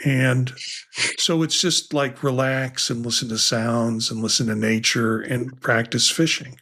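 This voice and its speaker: Here a man co-hosts a casual tech podcast at a mid-range pitch, talking into a podcast mic. He rambles, restarts his sentences and drifts into asides as he goes. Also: steady tone, measured pace, pushed and bright. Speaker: podcast co-host.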